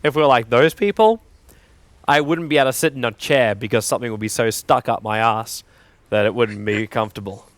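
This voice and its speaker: A man's voice: medium pitch, a little fast, no echo. A young man casting esports, chatting and joking between games in a self-deprecating way, laughing often. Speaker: esports commentator. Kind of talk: casual on-air banter between games.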